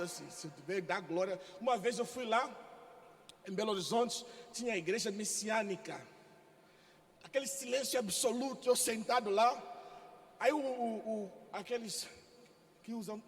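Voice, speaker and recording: A man pastor from Africa preaching a sermon in a lively, exclamatory, joking way. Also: sits high, big-room sound. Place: church.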